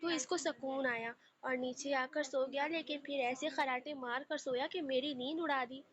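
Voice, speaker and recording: A woman plays an exasperated young husband, quick to protest and grumble, in a high voice. The recording sounds slightly dull, with a faint hiss behind it. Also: steady tone, a bit bright. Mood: complaining. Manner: exasperated, complaining. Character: young married man, easily flustered.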